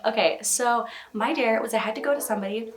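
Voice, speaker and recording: A woman's voice: fairly high pitch, quick pace, a crowd in the background. A woman in her twenties talking in a chatty confessional interview, filling her talk with little asides. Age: 20s. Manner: chatty, filler-heavy, giggly. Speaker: reality show contestant.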